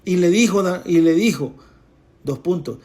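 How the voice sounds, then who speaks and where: A woman reading a Bible passage verse by verse, pausing to repeat, explain and speak directly to her listeners. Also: on the low side, expressive, dark tone. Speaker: Bible teacher. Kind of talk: reading scripture with commentary.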